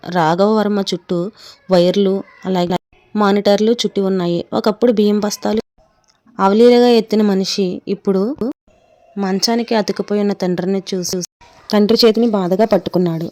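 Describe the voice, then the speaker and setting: A woman narrating a dramatic story in a steady reading style. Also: mid-range voice.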